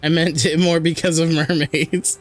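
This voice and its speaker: A man streaming a video game with a hoarse, sore throat, chatting and joking with his viewers over faint music. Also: fairly high pitch, level tone, moderate pace. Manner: chatty, joking, reads and answers chat. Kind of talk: casual live-stream chat while playing.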